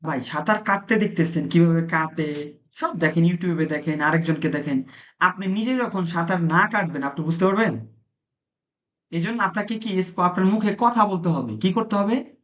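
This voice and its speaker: Speaking at a normal speed, a man with a high-sitting, fairly bright voice leads a live-streamed classroom language lesson. He poses questions to his students and repeats their replies, and the recording has a dull, lo-fi classroom sound.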